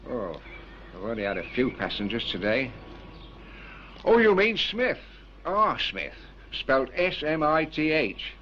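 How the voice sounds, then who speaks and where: A genial, gossipy stationmaster, lively delivery, dull 1960s sound. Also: male voice, medium pitch, measured pace, long pauses, a little hiss or hum. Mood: friendly. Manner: amiable, gossipy. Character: chatty, helpful village railway stationmaster.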